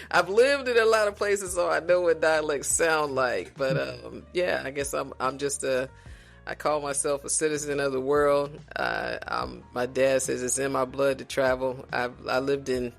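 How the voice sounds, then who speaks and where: Gravelly-voiced man from South Carolina. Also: mid-range voice, fairly even intonation, fairly bright tone, soft background music. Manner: reflective, unhurried, with frequent restarts. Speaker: podcast guest. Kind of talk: casual conversation.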